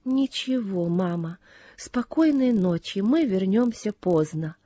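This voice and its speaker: A shy, reluctant young woman speaks quietly and subdued in a storybook reading, voiced by a woman. Her tone is mellow. The recording is dry and close. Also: medium pitch, lively intonation, takes it slowly, no room sound.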